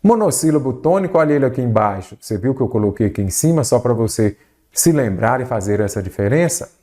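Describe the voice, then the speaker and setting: A man's voice: mid-range voice, lively intonation, quick pace, warm tone. A Brazilian man teaching an exam-prep grammar lesson, explaining step by step and often checking in with the student. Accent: Brazilian Portuguese. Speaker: Portuguese teacher.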